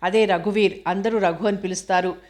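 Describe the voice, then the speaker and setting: A woman's voice: mid-range voice, steady tone, brisk, a little mellow, close to an everyday voice. A woman voicing a teasing, worldly young woman. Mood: teasing warning.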